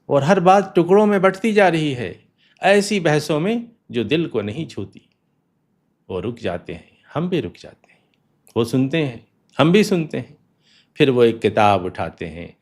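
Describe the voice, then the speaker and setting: A man giving slow, solemn, reflective scripted narration with hushed pauses. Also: mid-range voice, lively intonation.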